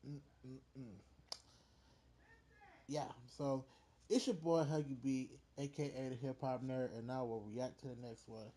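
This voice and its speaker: A man's voice: medium pitch, steady tone, normal speed, dark tone. A man hosting a reaction video, talking in a laid-back, blunt way and swearing freely. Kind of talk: casual reaction chat.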